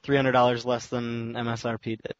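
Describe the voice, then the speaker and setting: A man's voice: medium pitch, monotone, a little fast, dull audio. A man chatting casually on a podcast over an internet call whose audio glitches and breaks up, swearing at the connection. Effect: glitching, breaking-up online call audio. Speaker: podcast co-host. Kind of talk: casual chat.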